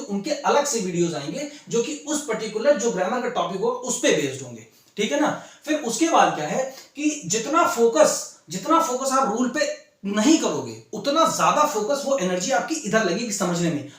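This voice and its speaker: Guy teaching english for the civil services exam, fairly high voice, keeps checking in with his students, switches between hindi and english, really echoey room. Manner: repeats "ठीक है ना" as a constant check-in; mixes Hindi with English phrases. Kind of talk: classroom-style video lesson.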